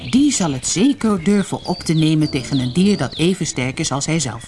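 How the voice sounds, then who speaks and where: Storybook critter: a woman doing a scared male rabbit, high and pleading, lively pitch. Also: normal speed, noisy background.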